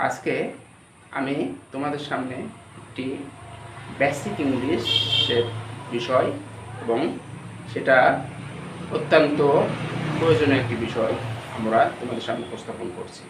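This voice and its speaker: A man's voice: medium pitch, a little slow, long pauses, noisy background. A man with a Bangladeshi accent teaching students as an English teacher, drilling each letter over and over and asking the class questions. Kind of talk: classroom-style lesson addressed to students. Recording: roomy echo, distant from the mic, faint ambience.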